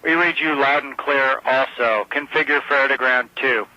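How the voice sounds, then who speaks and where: Very sharp, bright man on radio. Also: mid-range voice, moderate pace, no room sound. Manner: formal, procedural. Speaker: mission control communicator. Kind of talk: scripted radio voice checks. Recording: dull radio channel.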